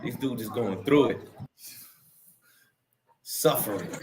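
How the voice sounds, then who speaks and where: A man's voice: medium pitch, slow pace, over a noisy crowd. A man hosting a religious commentary stream, preaching and mocking the clips he has his co-host play.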